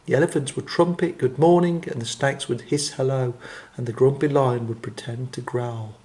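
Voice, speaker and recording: A man reading a children's story aloud in a gentle, expressive way, slowing down for dramatic phrases. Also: medium pitch, slight background noise.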